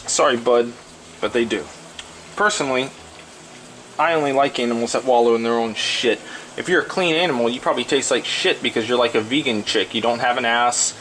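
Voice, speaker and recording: A man's voice: medium pitch, a bit bright. Man, mid-range voice, casual cooking commentary, crude, rambling, repetitive, noisy sizzling and stirring behind. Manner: crude, profane, blunt. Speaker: host of a cooking show. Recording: clearly noisy, frying and stirring sounds. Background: sizzling pan, stirring, clicks.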